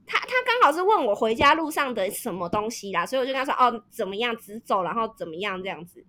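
A woman's voice: fairly high pitch, sing-song, fast, bright, forceful tone. A woman in her thirties from Vietnam, chatting casually as a co-host, laughing often and explaining things at length. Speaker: podcast co-host. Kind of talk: casual chat.

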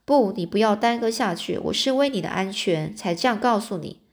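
Anxious young beauty, hushed urgent warnings, read by a woman narrator, storybook style. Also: mid-range voice, animated, a little fast, lightly acted. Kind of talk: storybook reading.

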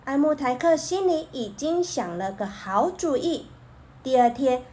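A woman narrating a children's story with a gentle, expressive reading. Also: high voice.

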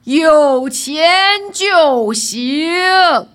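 A woman voicing a huge old bearded male demon who roars out drawn-out threats in a storybook tale. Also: high-pitched, animated, fairly bright tone, heavily acted. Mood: menacing.

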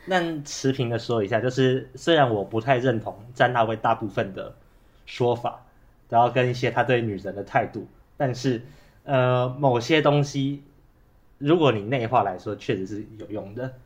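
A man's voice: medium pitch, normal speed. Taiwanese man with a cold, talking through a face mask. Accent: Taiwanese Mandarin. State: has a cold with a cough. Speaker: podcast co-host. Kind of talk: casual chat.

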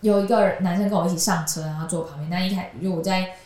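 A woman's voice: lowish voice, fairly even intonation, very fast, a little mellow. A young woman, chatting casually as a guest and telling a long, rambling story between frequent giggles. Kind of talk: casual chat. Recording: roomy echoing room.

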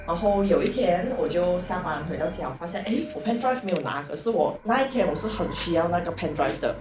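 A woman's voice: on the low side, lively intonation, brisk. A woman, casually telling a story as podcast co-host and mixing in English words. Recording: roomy echo, far from mic, loud music behind.

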